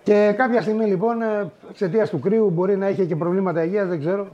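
A middle-aged man telling old stories in a wry, unhurried way, with many asides and fillers. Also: high voice, fairly even intonation, warm tone, dull audio. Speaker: storyteller. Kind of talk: spoken reminiscence.

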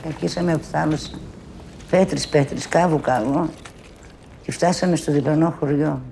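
Gravelly older woman telling a story. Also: low voice, a little hiss or hum. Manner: animated retelling, acting out quoted speech with many asides of "she says". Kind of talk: personal oral storytelling.

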